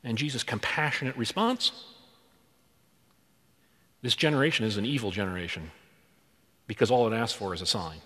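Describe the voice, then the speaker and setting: Dramatic preacher in a reverberant church. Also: male voice, fairly low pitch, animated, normal speed, long pauses, sharp tone. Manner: dramatic, rhetorical questions and repetition. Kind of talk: sermon.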